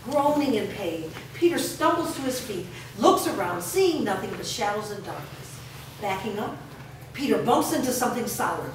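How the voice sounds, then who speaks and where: At a live staged reading, a woman serves as narrator, reading the scripted stage directions in an expressive, medium-pitched voice at a moderate pace. A distant microphone records her in an echoey room, so the audio is very reverberant and noisy.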